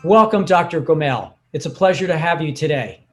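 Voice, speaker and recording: A man's voice: fairly high pitch, lively intonation, a little fast, soft background music. A man hosting a medical podcast, reading a formal introduction of his guest and then asking him questions. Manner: reads a formal list, then asks eager questions. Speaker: podcast host, physician.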